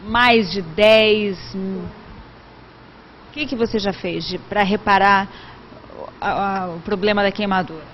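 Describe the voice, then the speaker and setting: A woman's voice: mid-range voice, slow, long pauses, slight background noise. A woman with a Brazilian accent presenting and reporting in the style of scripted television news. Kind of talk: scripted TV news narration and interviewing. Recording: dull sound with music behind.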